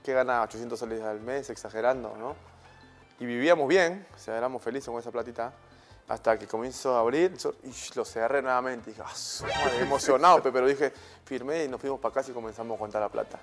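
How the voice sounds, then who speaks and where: Peruvian man, relaxed slangy storytelling, mid-pitched voice, faint music underneath. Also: fast. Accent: Peruvian Spanish. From Peru. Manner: relaxed, frequent tag questions, slangy. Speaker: guest, former footballer. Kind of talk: casual interview storytelling.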